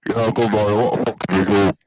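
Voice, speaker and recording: A man's voice: fairly low pitch, little pitch movement, moderate pace, noisy background. A man calling into a live fan stream through a muffled headset mic that sounds underwater, talking in a blunt, sweary way.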